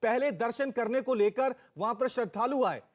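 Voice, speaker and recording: A man's voice: very high-pitched, normal speed. A male news anchor reading a bulletin and putting urgent questions to a field reporter.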